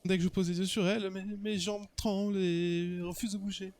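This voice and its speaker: A bashful, dreamy young man from a video game, all nerves and longing, speaking in a fairly high voice as a man reads his lines aloud. His delivery is earnest and sighing, and he is too shy to act on his crush. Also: level tone, brisk, darkish tone, close to an everyday voice. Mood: lovestruck. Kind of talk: reading game dialogue aloud.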